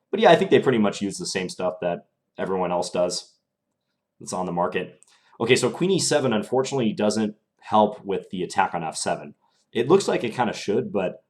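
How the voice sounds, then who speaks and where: A young man livestreams his chess games, commentating and answering viewer questions in a relaxed, thinking-aloud style. His voice sits low and sounds slightly strained.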